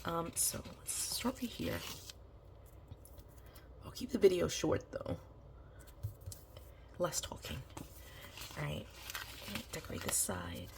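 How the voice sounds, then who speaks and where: In a lowish, expressive voice, a woman vlogger talks slowly and creakily, pausing often against a noisy background. She's nasal from a cold, sick, and losing her voice as she meanders chattily through decorating her planner, filling gaps with ums and you-knows in a casual plan-with-me session.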